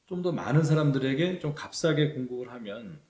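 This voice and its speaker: A man hosting an interview, asking polite, measured questions and giving short acknowledgements. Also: mid-range voice, expressive, darkish tone. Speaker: interview host. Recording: roomy studio echo.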